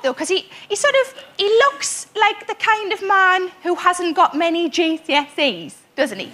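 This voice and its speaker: A woman with a very high voice argues her case on a comedy panel show, teasing and joking drily and often chuckling as she goes. Loud noise hangs over the studio recording. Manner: dry mocking jokes, chuckling. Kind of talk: comic stand-up argument.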